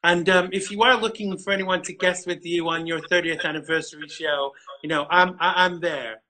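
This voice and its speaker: A man hosting an interview show, rambling and self-deprecating with many halting fillers. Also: a little high, fairly even intonation, sharp tone, rough recording. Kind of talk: casual interview chat.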